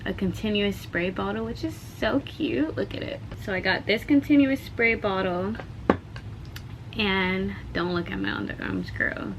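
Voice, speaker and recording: A woman's voice: mid-range voice, fairly bright tone, slight background noise, poor audio. A woman vlogging about her hair care in casual chat, chatty and self-teasing, with asides to her viewers.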